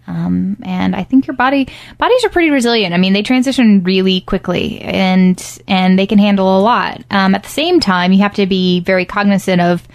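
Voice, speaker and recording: A woman's voice: medium pitch, creaky, no echo. A woman co-hosting a show, talking in an easygoing, reassuring, chatty way. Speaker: podcast co-host. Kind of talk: casual chat.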